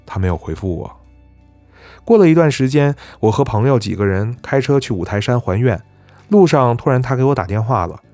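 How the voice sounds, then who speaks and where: A man narrating a story in a calm, conversational reading voice. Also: mid-range voice, a little fast, no echo, faint music behind.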